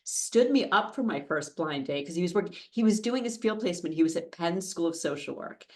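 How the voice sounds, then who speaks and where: An American woman in her fifties is a guest on a podcast, sharing self-deprecating anecdotes in casual interview conversation in the studio. Her voice is fairly low and expressive, and she speaks a little fast.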